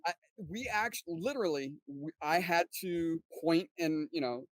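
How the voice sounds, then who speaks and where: A man's voice: a little high, measured pace, no room sound. A man from South Texas hosting a casual interview podcast, asking friendly questions and sharing his own stories. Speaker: podcast host.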